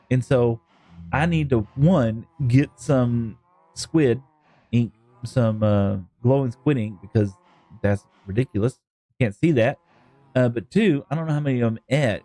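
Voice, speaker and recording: On a live gaming stream, a man with a Texan accent and a warm, mid-range voice rambles and jokes with his viewers as he plays, talking directly to chat. There's no room sound.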